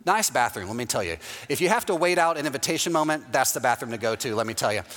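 A man's voice: mid-range voice, expressive, fast talker, fairly bright tone. A man from Texas preaching a sermon as pastor, telling a story and often asking the congregation "right?". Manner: storytelling with quoted voices, often asks the audience "right?". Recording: long hall reverb.

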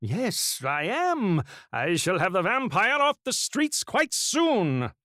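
A woman's voice: mid-range voice, huge pitch swings, slow, a bit bright, dry recording, clean studio sound, voice pushed down, full character voice. A woman voicing a pompous male vampire hunter who speaks in grand, old-fashioned formal phrases. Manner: pompous, archaic formal speech.

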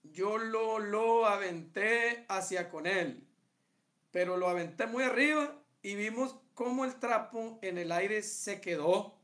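A man's voice: high-pitched, slow pace, a bit bright. A man with a Mexican accent, co-hosting a casual podcast, reading listener stories aloud and joking about them. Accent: Mexican Spanish. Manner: laughs often, reads aloud and jokes about the text. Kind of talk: casual comedic chat.

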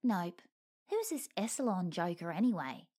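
Woman doing Squeak, a sassy little winged critter. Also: big pitch swings, normal speed, darkish tone, husky. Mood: cheeky. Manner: cheeky, dry quips. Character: small sassy winged female animal companion.

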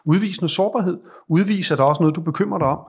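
A man's voice: high-pitched, slightly rough. A man working as a leadership advisor, explaining at length in a reflective, conversational way with frequent restarts. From Denmark. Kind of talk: conversational advice in interview.

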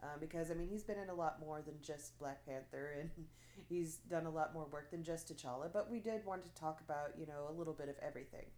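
On a casual podcast, a woman co-host sounds stuffy from allergies as she chats away with lots of fillers, restarts and frequent little laughs. Her voice is low-pitched, a little mellow and fairly quick.

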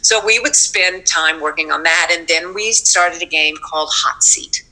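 Bright-voiced woman telling theater stories. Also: fairly low pitch, normal speed, low-quality recording. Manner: animated storytelling, acts out quotes. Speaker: stage actress guest. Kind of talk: interview anecdote telling.

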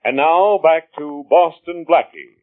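A man's voice: a little high, a little slow. A man announcing and narrating a scene in an old radio drama, heard as an old radio broadcast. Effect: old radio broadcast sound. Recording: thin, narrow old radio broadcast with music behind.

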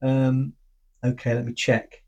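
A podcast co-host reading out a quiz in casual chat, laid-back and quick to giggle. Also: medium pitch, monotone, gravelly, a little mellow, highs cut off.

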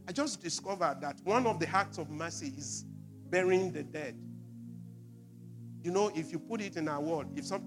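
A man preaching a sermon as pastor, repeating words with emphasis and swinging from loud to quiet. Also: a little high. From Nigeria.

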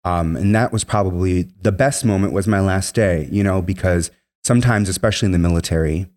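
Here a former service member in his youth, Spanish being his first language, talks about his life as an interview guest. The voice is low-pitched, brisk, and darkish, and his earnest account meanders with plenty of "um" and "you know."

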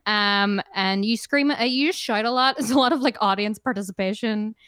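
A woman's voice: medium pitch, moderate pace, fairly bright tone, smooth, no echo, clean studio sound. An Irish woman, a musician, chatting casually in an interview over a video call, rambling with many fillers. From Ireland. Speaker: musician guest.

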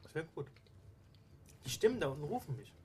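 Playful male player, quick and animated. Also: a little high, slight background noise. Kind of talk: casual tabletop game chat.

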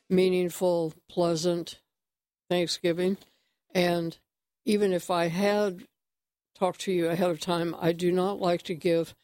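A chatty woman hosts a morning health radio show in a dry studio, her voice sitting a bit low for a woman. She sounds slightly out of breath and clears her throat often. A faint music bed plays behind her. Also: darkish tone, dry recording. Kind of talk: casual radio talk.

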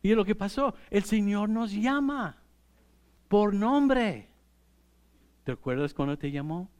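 A middle-aged male pastor, preaching in a relaxed, conversational way. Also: sits high, smooth. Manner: unhurried, conversational preaching with light laughs. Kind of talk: sermon.

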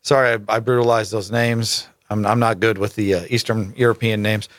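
A man's voice: fairly low pitch, flat delivery, a little fast, a bit bright, no echo, clean studio sound. A man hosting casual political commentary, reading articles aloud with emphatic rhetorical asides and stumbling over names. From United States.

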